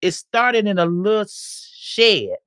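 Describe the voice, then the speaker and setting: Plainspoken community organizer, fairly high voice. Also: male voice, very animated, slow pace, a bit bright, smooth, dry recording, studio quality. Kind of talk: interview.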